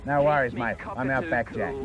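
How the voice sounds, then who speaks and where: A man's voice: mid-range voice, steady tone, normal speed. An Australian man giving a wrestling promo in a matey, boastful Aussie tradesman manner. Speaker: professional wrestler. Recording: dull old TV audio, loud music.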